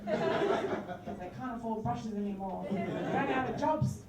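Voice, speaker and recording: A woman voices a cheerful female tooth fairy for animals at a live comedy show, improvising playfully in a rambling, filler-heavy way. Her voice is a little high, yet pitched below her own natural voice, unhurried with lively intonation, captured by a far mic in an echoey room with a loud crowd.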